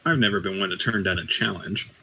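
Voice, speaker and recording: A man's voice: deep voice, fast, sharp tone, slight background noise, poor audio. A man taking part in a tabletop role-playing game, joking and confident as he describes his character. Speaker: player. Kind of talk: casual tabletop play.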